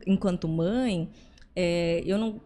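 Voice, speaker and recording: A Brazilian woman hosting a podcast interview in a clinic room, conversational and quick to affirm with short agreements. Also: lowish voice, dark tone. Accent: Brazilian Portuguese. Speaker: podcast host.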